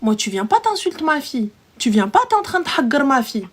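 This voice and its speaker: A woman that has hosts a live advice chat in a fairly high voice. She is blunt and teasing, and she keeps calling the caller "ma chérie.". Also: big pitch swings, fast talker. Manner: blunt, teasing, says "ma chérie" often, mixes in Arabic words. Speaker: host giving advice to a caller.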